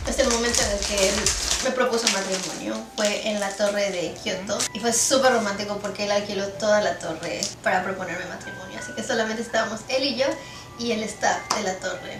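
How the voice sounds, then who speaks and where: A woman's voice: medium pitch, brisk, reverberant, music in the background. A woman in her twenties with an Ecuadorian accent, chatting straight to her viewers as she tells the couple's story on a vlog. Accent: Ecuadorian Spanish. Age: 20s. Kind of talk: casual storytelling to camera.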